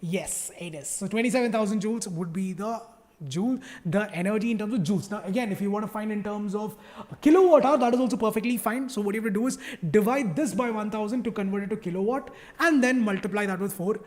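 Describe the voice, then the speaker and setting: A man's voice: high voice, fast, darkish tone. A male teacher with a South Indian English accent runs a live online class in a chatty, teasing way. He keeps firing questions at his students and pretends that easy problems are terrifying. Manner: playful, mock-dramatic teasing.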